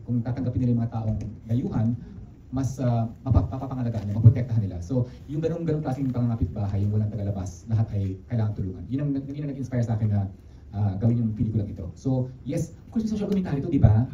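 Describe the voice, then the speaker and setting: Rapid-talking Filipino man director. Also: mid-range voice. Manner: rapid, animated, mixing English into Filipino, many restarts. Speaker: film director. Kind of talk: press conference answers. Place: media conference room. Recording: dull, roomy, distant, with background noise.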